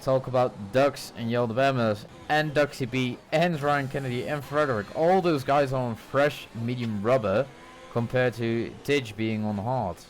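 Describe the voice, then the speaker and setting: A man's voice: medium pitch, normal speed. A man giving conversational live motorsport commentary on a sim race, often hesitating as he thinks aloud.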